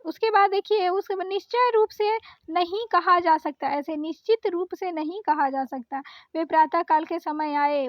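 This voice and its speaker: A woman with a very high voice leads an exam-prep grammar lesson, reading out faulty sentences and patiently explaining each correction. The sound is dry and close, with a slightly muffled, lo-fi quality. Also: dry recording. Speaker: teacher.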